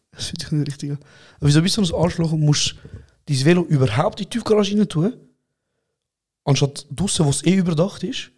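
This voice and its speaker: A young man with a Swiss German accent, co-hosting a podcast and retelling a quarrel in animated casual chat, acting out both sides. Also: a little high, fairly quick, long pauses, husky. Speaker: podcast co-host.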